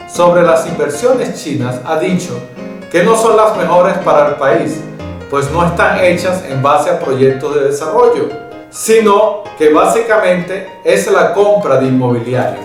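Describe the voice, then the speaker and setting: A man presenting a weekly news summary, reading in a steady, measured way with small slips. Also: on the high side, distant mic. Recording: very echoey room, voice from afar, faint guitar.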